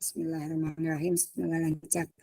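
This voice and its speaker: A woman's voice: sits low, little pitch movement, quick pace, dark tone, breathy edge, dry recording, clean studio sound. A woman speaking in an online meeting over a video call, her voice choppy and breaking up from a bad connection. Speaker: teacher practicing coaching.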